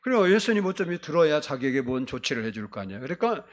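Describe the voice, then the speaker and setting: A man preaching a sermon from a church pulpit, his voice sitting on the higher side for a man. His delivery is emphatic and sweeps up and down in pitch. He keeps drawing the congregation into call-and-response. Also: sing-song, fast. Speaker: pastor. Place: church sanctuary.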